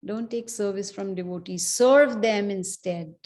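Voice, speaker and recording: A woman's voice: medium pitch, unhurried, a little mellow. A woman giving a scripture class, telling the story in a conversational way with many asides. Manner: conversational storytelling, frequent "you know". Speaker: class speaker.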